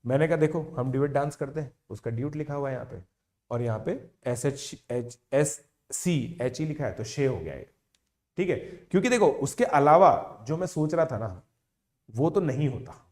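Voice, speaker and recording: Telling his online class a motivational story, a male educator in his thirties keeps the mood casual and animated. His mid-range voice moves at a moderate pace through Hindi mixed with English, punctuated by frequent "theek hai" check-ins.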